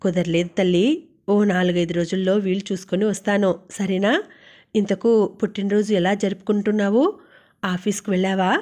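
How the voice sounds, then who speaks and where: A woman's voice: mid-range voice, flat delivery, moderate pace, warm tone, natural voice. A woman voicing an affectionate middle-aged father on a phone call to his daughter. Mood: tender. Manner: tender, reassuring.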